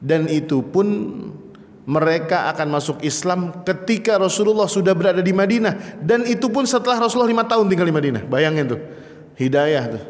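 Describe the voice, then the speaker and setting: A man giving a humorous religious study lecture as a preacher in a mosque hall, joking and acting out dialogues. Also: on the high side. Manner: jokey, acts out dialogues in different voices. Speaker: Islamic preacher. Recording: long mosque hall reverb.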